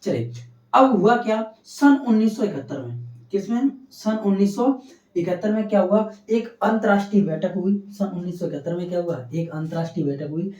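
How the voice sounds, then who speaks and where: A male science teacher lectures in a rather dark, mellow voice, firing questions and answering them himself, repeating each key term. He sounds distant in an echoey room. The recording is dull and muffled. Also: high-pitched, animated, brisk. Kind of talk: classroom lecture.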